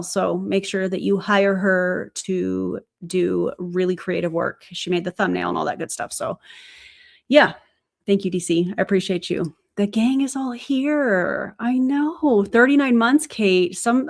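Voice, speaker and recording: A woman's voice: on the low side, creaky. A woman hosting a casual livestream, chatting and thanking viewers from the chat. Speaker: livestream host.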